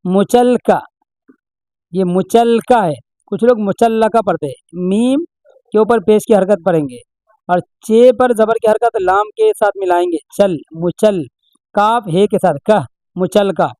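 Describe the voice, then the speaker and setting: A man's voice: high-pitched, unhurried, warm tone, no room sound, poor audio. A man teaching Urdu reading, patiently sounding out each letter and asking the learner what the word says. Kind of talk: slow spelling-out lesson.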